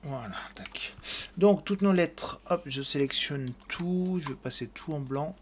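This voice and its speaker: A man hosting a screen-recorded software tutorial, thinking aloud and narrating each click with fillers, speaking into a desk mic at his computer. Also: a little high, unhurried, a little hiss or hum.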